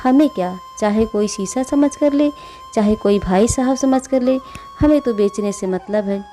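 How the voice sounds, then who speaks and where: A woman's voice: a little high, moderate pace, warm tone, faint music behind, lightly acted. A woman voicing a shrewd village shopkeeper who thinks in a matter-of-fact way. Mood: indifferent.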